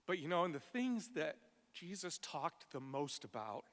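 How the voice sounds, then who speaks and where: A man delivering a prepared funeral eulogy for a friend, tender and measured, in short phrases with weighted pauses. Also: on the high side, big pitch swings, fairly bright tone. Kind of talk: prepared memorial speech. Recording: long echoing reverb of a hall.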